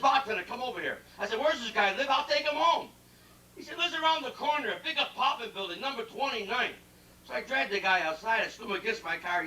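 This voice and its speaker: A man doing a stand-up comedy routine in a ship's cabaret lounge, telling jokes in a brash, rapid-fire way and teasing the audience. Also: high voice, sharp tone, a little hiss or hum. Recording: echoey lounge recording from far off with band music.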